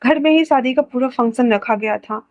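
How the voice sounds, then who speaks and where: A woman reading an emotional romance story aloud as a storyteller, in an expressive manner, on a dull, dry home recording. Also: a little high, brisk, dry recording.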